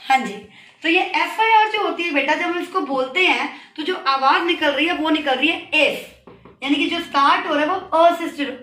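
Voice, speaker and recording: A woman teacher with a high voice leads a children's grammar lesson, patiently repeating her questions and coaxing the class to answer. She speaks from some way off the mic in a reverberant classroom. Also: sharp tone. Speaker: school teacher. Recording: echoey room, voice from a distance.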